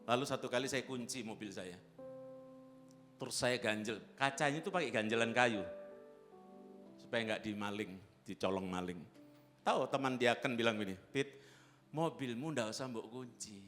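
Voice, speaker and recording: A man preaching a humorous sermon as a pastor, telling stories and bursting into loud shouted lines. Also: medium pitch, moderate pace, pauses often. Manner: animated, jumps to loud shouted exclamations. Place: large church hall. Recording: long hall reverb, faint instrument music.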